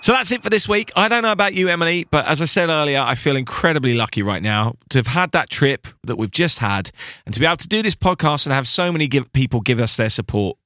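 A man's voice: fairly high pitch, lively intonation, fast, sharp tone, no room sound, studio quality. A man co-hosting a podcast in casual chat, chatty and often restarting his sentences. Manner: chatty, self-correcting, laughs often. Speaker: podcast co-host.

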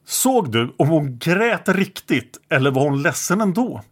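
A man reading a measured male investigator. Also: on the high side, very animated, husky. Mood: questioning. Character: adult male investigator questioning a child. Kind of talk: reading an interrogation transcript aloud.

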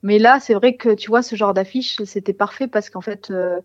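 A woman musician talks casually in an interview, often pausing to search for the right word. Her voice sits at an average pitch. The sound is very dry and a little dull. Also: no echo. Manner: hesitant, searching for words.

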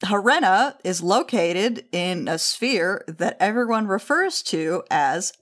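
Brief: woman game master, steady mid-pitched voice, unhurried narration with fillers.

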